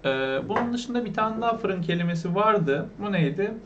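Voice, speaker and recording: A man with a Turkish accent teaching beginners English vocabulary, asking questions and repeating each word slowly. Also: sits high, lively intonation, dull audio, background noise. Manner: asks the viewers questions, repeats the words slowly.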